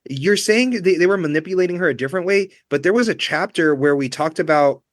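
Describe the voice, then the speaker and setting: A man's voice: on the high side, fast, no echo. Inquisitive man, dry close sound. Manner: inquisitive, repeats his phrases while thinking. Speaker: book discussion co-host. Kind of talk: casual book club chat.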